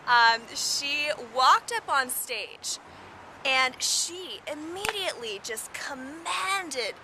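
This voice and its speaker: Upbeat high-voiced woman vlogger. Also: expressive, very slow, noisy background. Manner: upbeat, emphatic, repeats key words. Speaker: vlogger giving storytelling tips. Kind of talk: casual instructional vlog. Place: outdoors.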